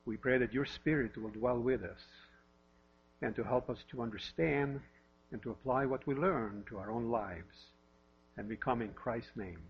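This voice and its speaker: Speaking at normal speed in a gravelly mid-range voice, this pastor, originally from Norway and in his fifties, delivers a sermon with gentle self-mockery and repeated questions. It's recorded lo-fi in a church sanctuary, with audible mains hum.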